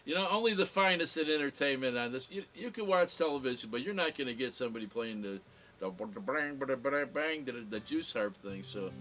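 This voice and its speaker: A man's voice: medium pitch, lively intonation, brisk, a bit bright, rough recording. Joking Chicago man rambling casually. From Chicago, United States. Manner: wry, joking, self-deprecating. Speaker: host of a livestream entertainment show. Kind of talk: casual rambling livestream chat.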